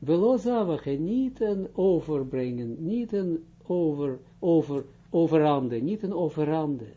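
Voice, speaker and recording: A middle-aged man teaching a religious study lesson, slow and halting, with many restarts as he translates and explains. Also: on the high side, animated, dark tone, husky. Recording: dull lo-fi recording.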